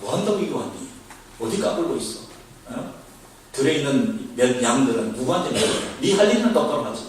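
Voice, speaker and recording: A man's voice: medium pitch, big pitch swings, a little fast, slight background noise, lightly acted. A male pastor voicing a scornful older brother who scolds his youngest sibling in a belittling way. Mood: scolding. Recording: very echoey church from a distance.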